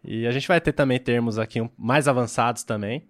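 A Brazilian man co-hosting a casual chat, easygoing and quick to laugh. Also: medium pitch. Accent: Brazilian Portuguese.

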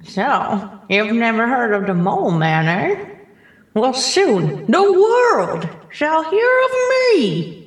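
A woman's voice: on the high side, huge pitch swings, takes it slowly, heavily acted. A woman playing the Mole Man, an embittered, boastful male villain who gloats theatrically in an amateur comic-book radio play. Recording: roomy echo with music behind.

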